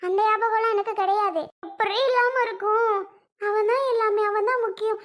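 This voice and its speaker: Woman playing guilt-ridden daughter, very high-pitched, pleading, repetitive. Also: fairly even intonation, normal speed. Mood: tearful. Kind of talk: home-made family drama skit.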